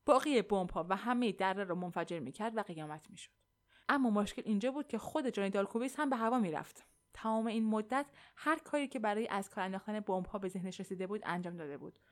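A woman narrates a suspense novel in a steady, even reading voice. Her pitch sits in an ordinary middle range for a woman. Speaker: audiobook narrator. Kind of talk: scripted narration of a thriller.

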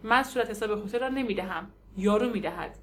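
A woman voicing a cold young male biker who speaks flatly, without emotion, in short clipped lines in an audiobook. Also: medium pitch, lightly acted. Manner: flat, expressionless, clipped.

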